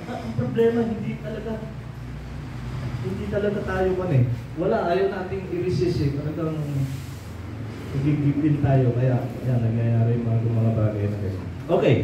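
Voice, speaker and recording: A man's voice: mid-range voice, warm tone. Man preaching in a very echoey hall. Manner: mixes English phrases into preaching, frequent rhetorical checks; grows fervent and emphatic when rebuking. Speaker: pastor. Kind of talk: sermon. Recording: very echoey hall, mic at a distance, faint room noise.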